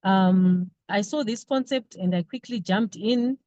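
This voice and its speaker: A woman's voice: medium pitch, a little slow, darkish tone, no echo. Woman on a video call, earnest, muffled dry sound. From Zimbabwe. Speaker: systems engineer sharing a testimonial.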